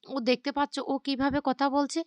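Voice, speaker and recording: A woman's voice: high voice, little pitch movement, moderate pace, no room sound, pitched above the performer's own voice, natural voice. Woman reading as an angry young husband. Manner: defiant, refusing.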